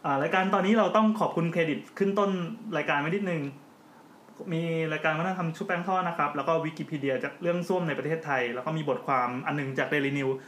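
A man's voice: fairly high pitch, fast, a bit bright. A man hosting a podcast in casual chat, joking as he explains at length. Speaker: podcast host. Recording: roomy with faint background noise.

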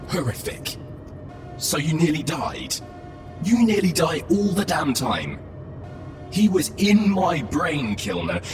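An actor playing an aggrieved, shaken spaceship AI in a science fiction audio drama, speaking emotionally and hesitantly like a person. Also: male voice, on the high side. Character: aggrieved, shaken male spaceship AI, century-old and humanlike. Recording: loud music under the voice. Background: loud music.

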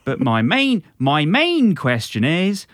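A man voicing a gushing, earnest Norfolk letter writer in a broad Norfolk accent, reading slowly and comically with drawn-out words. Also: mid-range voice, huge pitch swings, a bit bright, no room sound, studio quality, exaggerated voice. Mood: earnest, drawling. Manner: slow, drawn-out, heavily exaggerated delivery.

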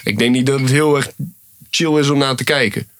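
A man's voice: medium pitch, brisk, fairly bright tone, slight background noise. A man with a Dutch accent co-hosting a podcast, making blunt, wry remarks. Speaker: podcast co-host. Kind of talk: casual chat.

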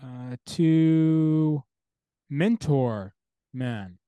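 Brief: male interview guest, theologian, emphatic and insistent, stacks phrases in a row, fairly high voice, dry close sound. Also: very slow, clean tone, no echo, narrow, tinny audio. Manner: emphatic, builds points through repeated parallel phrases. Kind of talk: earnest interview talk.

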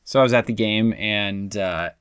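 A man's voice: fairly low pitch, normal speed, fairly bright tone, clear, resonant tone, no room sound. A man co-hosting a casual sports fan podcast, chatty and enthusiastic. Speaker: podcast co-host.

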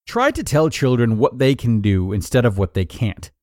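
A man narrating an article of numbered tips in a clear, even, scripted read-aloud delivery. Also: mid-range voice, moderate pace, dry recording, studio quality.

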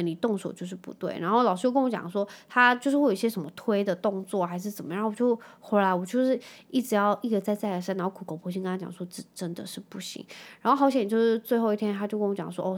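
A woman in her thirties with a Taiwanese Mandarin accent hosts a podcast, leading a casual storytelling chat. Her mid-range voice races along, and she's chatty, sprinkling English words into her speech.

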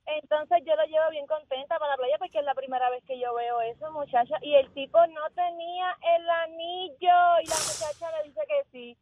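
A woman's voice: high voice, steady tone, fairly quick, few pauses. A woman calling in to a radio show, telling a story in a chatty, amused way. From Puerto Rico. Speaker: caller. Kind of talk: phone-in storytelling. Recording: tinny dry phone line.

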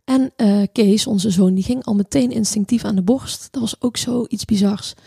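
A woman in her thirties telling a personal story in a halting, reflective way, with many restarts and fillers. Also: medium pitch, gravelly, dark tone, slightly rough, dry recording, clean studio sound.

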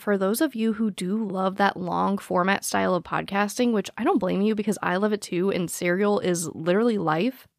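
Creaky-voiced woman hosting a podcast, dry sound. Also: mid-range voice, dry recording. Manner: informal, addresses listeners directly. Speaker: podcast host. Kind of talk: scripted podcast narration, conversational.

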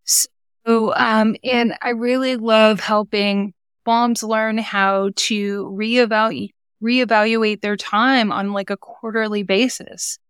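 A woman business coach talks through her work in a relaxed interview, sounding earnest and encouraging. Her voice is smooth and resonant. The sound is dry and close, with almost no room in it. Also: a little high, slow, no room sound. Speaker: business coach for mothers, podcast guest. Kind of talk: conversational interview.

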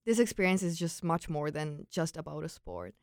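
With a low, sing-song, smooth voice at a moderate pace, a young woman with a Czech accent recounts personal stories as an interview guest. She grew up in Prague in the Czech Republic, was once an exchange student, and talks informally with plenty of "like" and quoted thoughts; the studio recording has no room sound.

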